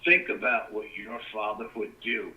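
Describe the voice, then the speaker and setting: A man's voice: on the low side, steady tone, moderate pace, recorded from a distance, muffled recording. A middle-aged man, a guest rambling through a story in casual talk with plenty of "you know". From New York.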